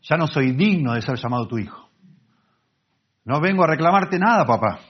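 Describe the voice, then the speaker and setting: A repentant young son, acted by a preaching man begs humbly to return to his father. His husky voice rises loud and high as he implores. The recording sounds dull and muffled. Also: animated, normal speed. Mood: imploring. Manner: earnest, imploring.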